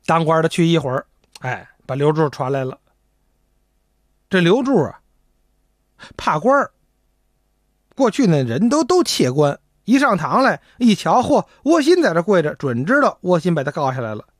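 A male storyteller spins a traditional comic tale and keeps turning to the listeners. His pitch moves in lively swings. The voice sounds close and dry, with no echo. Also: moderate pace, pauses often. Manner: animated, chatty, addresses listeners directly.

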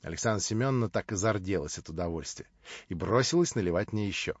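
A man reading a novel aloud in measured, composed scripted narration. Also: sits low, expressive, husky, no echo. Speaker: audiobook reader. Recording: dull, dry recording.

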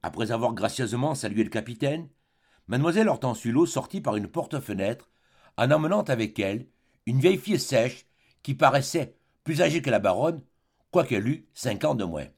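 A man narrating a classic novel as an audiobook reader, measured and expressive. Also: mid-range voice, vocal fry, breathy edge.

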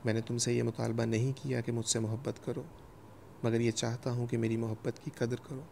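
A man's voice: mid-range voice, little pitch movement, vocal fry, darkish tone, a little hiss or hum, natural voice. A man voicing a worried young husband who speaks earnestly and pleadingly.

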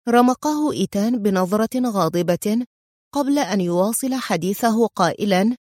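A woman narrating a story as an audiobook, in a steady and measured storytelling manner, close to the mic. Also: mid-range voice, dry recording.

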